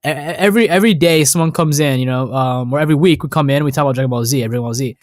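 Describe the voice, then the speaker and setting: A man co-hosting a podcast, telling childhood stories in a loud, excitable way and swearing constantly. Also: fairly high pitch, rapid-fire, no echo, studio quality. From North America. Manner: excitable storytelling, heavy swearing. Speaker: podcast co-host. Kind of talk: casual podcast chat.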